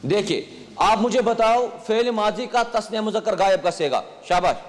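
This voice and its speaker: A male grammar teacher quizzing his class, asking questions, repeating their answers and praising them. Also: high voice. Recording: classroom recording with long reverb.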